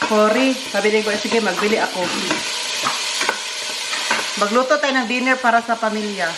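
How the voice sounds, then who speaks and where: A woman from the Philippines hosting a casual family vlog, chatty and quick to laugh, filming on a handheld phone. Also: mid-range voice. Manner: chatty, laughs often, switches languages. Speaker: vlog host. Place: home kitchen and outdoor walk. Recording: roomy sound with loud cooking noise. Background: frying and sizzling.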